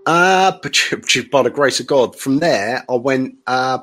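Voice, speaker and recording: A man's voice: mid-range voice, lively intonation, measured pace, fairly bright tone, faint music behind. A middle-aged man, telling his story as a podcast guest in a rambling, candid way full of restarts. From south-east England. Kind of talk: casual interview storytelling.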